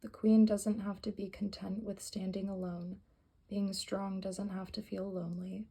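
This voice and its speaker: A woman whispering softly in an ASMR style, reading aloud and rambling with self-correcting asides. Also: mid-range voice, level tone, unhurried, creaky, husky. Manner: whispering and very soft-spoken. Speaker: ASMR creator. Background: faint music playing for plants, background hiss.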